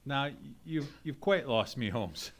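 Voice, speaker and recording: A man's voice: mid-range voice, expressive, measured pace. A man playing a genteel, courteous doctor and loyal companion in an old-time radio mystery, speaking in formal Victorian phrases. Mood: puzzled, concerned. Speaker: narrator and actor in a live radio play. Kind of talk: old-time radio drama acting, storytelling. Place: live performance in a theatre.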